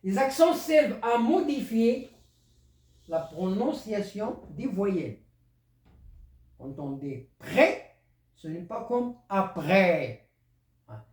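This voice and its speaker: A teacher explaining a French spelling lesson, slow, repetitive and patient. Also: mid-range voice, expressive, dark tone. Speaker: primary school teacher. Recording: roomy, distant from the mic.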